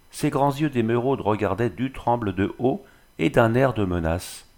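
Male narrator for a classic novel reading, fairly low, measured and expressive. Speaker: audiobook narrator. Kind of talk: scripted literary narration.

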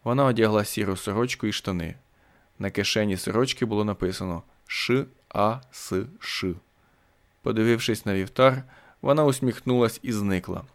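A man narrating a science fiction story as an audiobook in a steady, even manner. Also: fairly low pitch, brisk.

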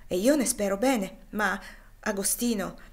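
A woman's voice: medium pitch, a little slow, close to an everyday voice. A woman voicing a firm, earnest middle-aged spinster in an audiobook reading.

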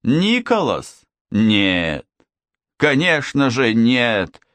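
A man voicing a desperate, obsessive seventeen-year-old girl with a shrill, clinging manner. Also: measured pace, fairly bright tone, no room sound, lightly acted. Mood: pleading.

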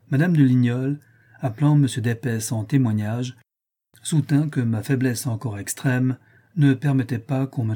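A man reading a classic novel aloud as scripted narration, steady and unhurried. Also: medium pitch, husky. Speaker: audiobook reader.

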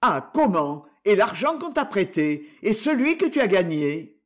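A man's voice: high-pitched, very animated, measured pace. A man reading aloud, voicing an evasive younger brother who protests in a raised, blustering tone. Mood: defensive.

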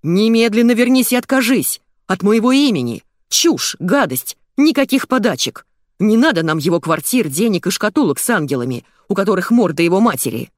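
A woman reading an audiobook, voicing a hysterical businessman who yells and rants over the phone. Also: lowish voice, lively intonation, normal speed, dry recording, studio quality. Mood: furious. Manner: yelling, ranting on the phone. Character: hysterical shouting middle-aged businessman. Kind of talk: audiobook character voice.

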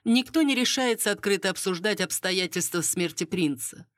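A woman reading the part of a knowing court lady who passes on rumors in a hushed, conspiratorial, bitter way. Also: medium pitch, animated, normal speed, dry recording, clean studio sound, voice pushed up, natural voice.

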